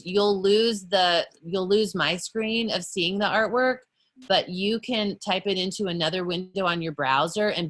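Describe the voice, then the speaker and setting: On a video call, a woman whose voice sits on the low side with a fairly bright tone runs an online art workshop for teachers. She takes her time, often pausing and correcting herself as she explains.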